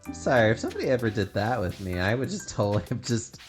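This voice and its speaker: Very low-voiced, animated woman streamer. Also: fast talker. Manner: playful, sarcastic. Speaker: game streamer. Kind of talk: casual gaming chat. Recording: music behind the voice. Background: music.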